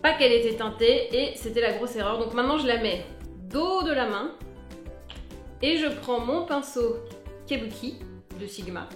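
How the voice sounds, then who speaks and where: A young woman beauty vlogger talks through a casual product review, playful and chatty, slipping into little sung asides. Her voice is fairly high and her pace normal, with long pauses. The room is reverberant and soft music plays in the background.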